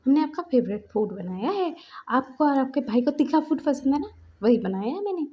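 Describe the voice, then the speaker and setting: A woman voicing a gentle, motherly aunt in a plain, kind tone. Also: high-pitched, big pitch swings, fairly quick, highs cut off, pitched above the performer's own voice. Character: kind motherly aunt who cooks for the boys.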